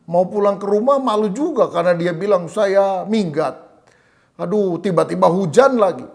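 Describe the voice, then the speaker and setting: A middle-aged man preaching a sermon in a voice pitched a bit above the usual for a man. He tells stories in a lively way and plays out bits of dialogue as he goes. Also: a little fast, gravelly. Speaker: pastor. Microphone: church online service recording.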